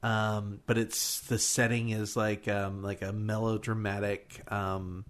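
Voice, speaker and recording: Podcast host guy, lowish voice, lots of ums, rambly movie talk. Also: flat delivery, takes it slowly. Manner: rambling, filler-heavy. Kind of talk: casual movie chat.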